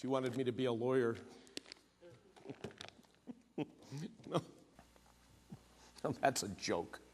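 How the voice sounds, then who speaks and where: A man's voice: medium pitch, slow pace, close to an everyday voice. A man playing a cynical, self-centred businessman in a comic stage drama, sarcastic, flippant and exasperated. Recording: echoey hall with background noise.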